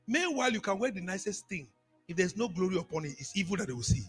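Lively high-voiced preacher. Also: male voice, fast, soft background music. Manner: call-and-response preaching, repeats phrases, swings from hushed to shouting. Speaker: apostle preaching. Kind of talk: sermon.

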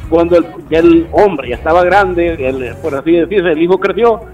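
A man co-hosting a radio chat, animated and laughing as he tells stories and acts out quoted voices. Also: fairly high pitch, moderate pace, far from the mic, highs cut off. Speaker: radio show co-host. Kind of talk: casual storytelling chat. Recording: voice a bit off the mic with faint music.

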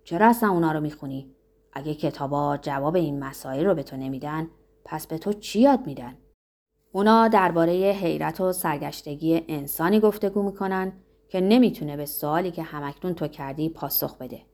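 This is a fervent, questioning man in a spoken storybook, as a woman reader puts him on. His voice sits low and mellow, and he speaks with restless, demanding passion. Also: animated.

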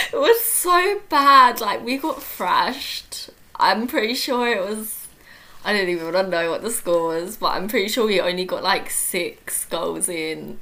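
A young adult woman chats on a casual podcast, her voice bright and forward. She rambles through a story with frequent fillers, likes and easy laughter, sounding relaxed and talkative. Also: medium pitch. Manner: chatty, laughs often, many fillers. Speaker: podcast co-host. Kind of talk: casual chat.

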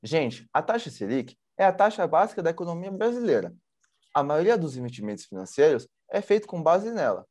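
Teasing co-host, lively voice. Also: male voice, fairly high pitch, a little fast. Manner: teasing, explanatory. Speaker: news show co-host. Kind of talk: informal political news commentary.

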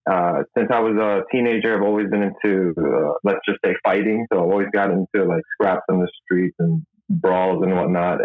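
A man's voice: sits low, no echo. A man in his thirties from the Philippines, a guest telling his story in an easygoing, good-humored way. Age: 30s. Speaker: guest, jiu-jitsu instructor. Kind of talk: casual interview talk. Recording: tinny phone-like line.

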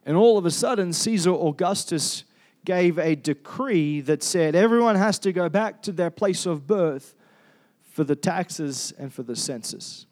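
A man's voice: sits high, expressive, measured pace, a little mellow. Chatty Australian man preaching. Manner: chatty, asks the congregation questions, many fillers and restarts. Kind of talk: conversational sermon.

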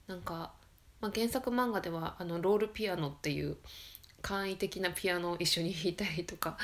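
A woman chats casually on her own late-night talk podcast, her quiet, low-energy voice repeatedly sinking into a whisper. As the radio podcast host, she rambles and corrects herself as she goes.

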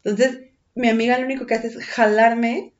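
A woman with a Mexican accent tells a personal story in casual chat, animated and full of slang and swearing. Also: on the high side, normal speed, lo-fi sound.

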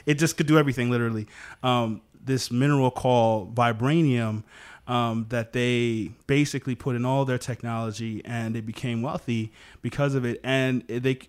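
A relaxed man hosts a casual podcast talk at a middle pitch. He laughs easily as he sets up topics and turns questions to his guests. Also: normal speed, smooth. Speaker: host.

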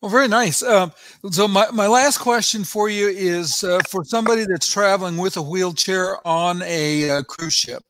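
A man hosting an interview, asking polite questions in a halting way, with fillers. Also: high voice, a bit bright, slight background noise. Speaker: host, interviewer.

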